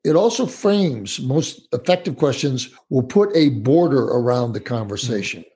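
A man co-hosting a talk show on communication, making measured points through a run of rhetorical questions. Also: mid-range voice, animated, warm tone, breathy edge. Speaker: co-host. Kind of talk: conversational podcast talk on communication.

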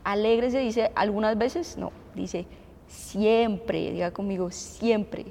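A woman in her thirties with a Colombian accent, preaching a sermon in an animated way and asking the congregation questions. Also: mid-range voice, takes it slowly, creaky, in a large hall. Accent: Colombian Spanish. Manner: animated, asks the audience questions, acts out shouting.

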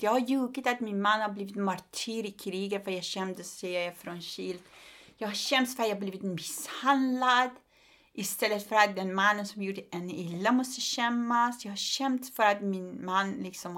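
Woman comic chatting openly, mid-pitched voice, laughs a lot. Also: fairly bright tone. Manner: frank, laughs often, many fillers. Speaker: comedian. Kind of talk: casual interview chat.

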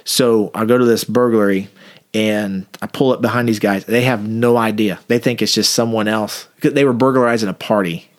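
Brief: male cop, lower voice, casual animated storyteller. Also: normal speed. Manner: animated anecdote with acted-out quotes. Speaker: police officer.

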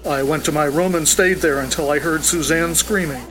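A man's voice: a little high, normal speed, crowd noise, natural voice, poor audio. A man voicing a formal, precise personal aide in an audio drama, answering questions stiffly and deferentially.

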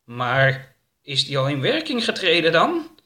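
A man voicing a large, sinister dream creature with an eerie, slow, drawn-out voice in a storybook. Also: fairly high pitch, huge pitch swings, sharp tone, pitched above the performer's own voice, heavily acted. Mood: menacing. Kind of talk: storybook reading.

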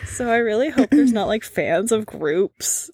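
A woman's voice: a little high, lively intonation, a little slow, darkish tone, slightly rough, no echo. A tired woman co-hosting a podcast in casual chat, rambling and self-deprecating, laughing often. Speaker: podcast co-host.

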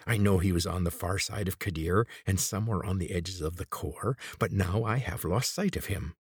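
A man's voice: low-pitched, moderate pace, slightly rough, no echo, clean studio sound. A man doing a quavering, menacing old man. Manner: snapping, threatening.

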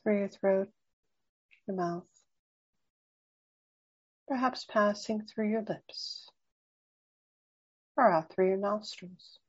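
A woman guiding a slow breathing meditation, speaking softly and soothingly with long pauses. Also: mid-range voice, muffled recording. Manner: slow, soft, soothing and unhurried. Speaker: meditation guide.

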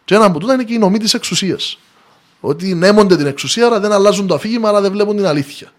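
A man's voice: sits high, animated. A man with a Cypriot Greek accent, explaining his opinions as a guest in a podcast discussion.

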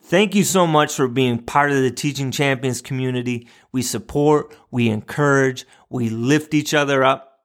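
A man hosting a podcast for educators, reading a moral tale in a measured, reflective way. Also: medium pitch. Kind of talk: storytelling narration and podcast outro.

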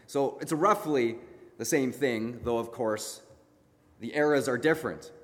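A male pastor retelling a story in his sermon in a dramatic way, pausing for emphasis, in a large church sanctuary. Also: mid-range voice, big-room sound.

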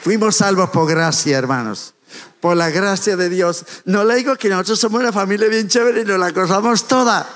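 A man with a high-pitched voice gives a sermon in a church. He keeps it light and jokey, talking straight to the congregation in a chatty way. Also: moderate pace, a bit bright. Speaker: church speaker. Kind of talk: humorous sermon. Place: church sanctuary.

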